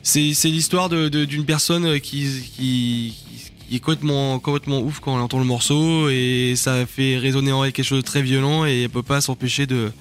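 A man's voice: medium pitch, fairly even intonation, fairly quick, faint music behind. A man with an accent from France chatting casually as a guest in a radio interview, often searching for words and using slang. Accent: French from France. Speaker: band singer and lyricist, interview guest.

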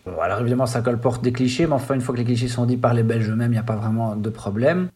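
A man's voice: medium pitch, fast talker, warm tone. A man speaking as an expert guest, giving reflective interview commentary.

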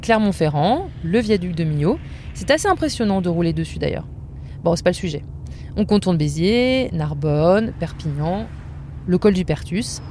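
A woman hosts a podcast and tells a story about herself in a casual way. Her voice sits low and mellow. She jokes at her own expense with a dry wit. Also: big pitch swings, normal speed, slight background noise. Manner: wry, self-mocking humor. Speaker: podcast host.

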